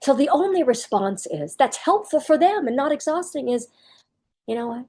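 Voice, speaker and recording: A woman's voice: sits high, big pitch swings, moderate pace, warm tone. A woman parenting coach giving direct, emphatic advice to parents.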